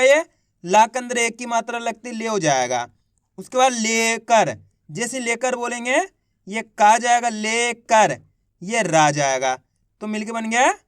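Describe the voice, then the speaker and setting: A man's voice: very high voice, a bit bright, clear, resonant tone, no echo, studio quality. A man teaching an online spelling lesson, repeating each word and quizzing the viewers patiently. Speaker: Hindi teacher.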